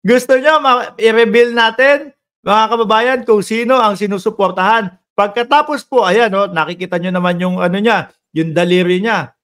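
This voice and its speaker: Man, high voice, mocking commentary, loud chants and low asides. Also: moderate pace. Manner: teasing, laughs often, swings between loud chants and low asides. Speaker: political commentary vlogger.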